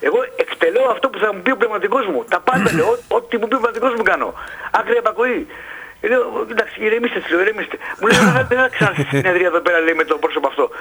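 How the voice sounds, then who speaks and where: A man, calling in to a radio show and retelling a story in an excited, rambling way with stammered restarts. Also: high voice, rough recording. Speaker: caller. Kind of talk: phone-in chat, retelling a story.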